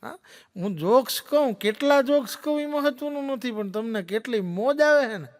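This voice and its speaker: A high-pitched man tells folksy jokes on stage, acting out each character's lines. His voice rings out in a hall with a long reverb. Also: animated, moderate pace, a little hiss or hum. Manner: folksy storyteller, acts out dialogue. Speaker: stand-up comedian. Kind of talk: stand-up joke telling. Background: audience laughing.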